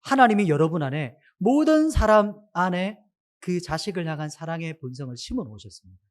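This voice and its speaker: Animated Korean preacher, higher-pitched man. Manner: asks the congregation many questions, animated rise and fall. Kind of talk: sermon.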